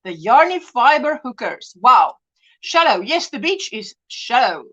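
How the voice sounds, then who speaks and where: The recording cuts off the highs as a woman with a high, fairly bright voice and big pitch swings speaks a little slowly. She's the host of a casual crochet livestream, drowsy from pain tablets, greeting viewers by name in a chatty mix of English and Afrikaans, her home language.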